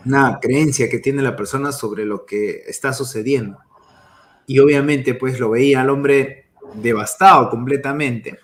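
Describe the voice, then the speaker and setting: A man giving a motivational talk on emotions in business, telling stories and tagging his phrases with a questioning "¿no?". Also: medium pitch. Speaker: network marketing speaker.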